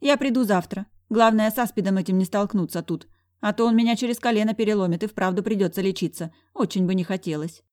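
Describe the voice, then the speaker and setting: A woman's voice: medium pitch, darkish tone, voice pushed up, natural voice. A woman playing a brash, mocking woman friend. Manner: mocking, bossy, quick-tongued.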